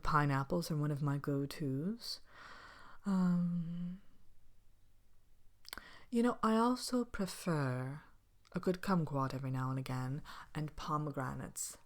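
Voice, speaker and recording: In an ASMR role-play answering questions, a woman voices a vain, haughty evil queen from a fairy tale, her low voice soft-spoken and partly whispered. She comes across smug and chatty, with pompous, languid disdain and theatrically stretched words, as host of a character Q&A show.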